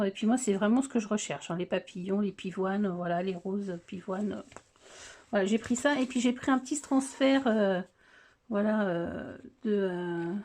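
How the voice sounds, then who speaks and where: Showing her craft purchases on her video channel, a middle-aged woman who vlogs about scrapbooking chats casually and hesitantly, full of filler sounds and restarts. Her voice is medium in pitch with a dark tone.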